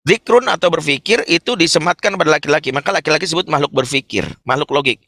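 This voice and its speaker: A man teaching an Islamic parenting webinar in an animated, humorous way, acting out examples. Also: a little high, fast talker, no echo, clean studio sound.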